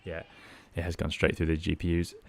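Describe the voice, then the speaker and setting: A man's voice: low voice, completely flat delivery, fairly quick, vocal fry, a little mellow. A man giving casual live commentary as a pilot playing a flight simulator. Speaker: flight sim streamer and airline pilot.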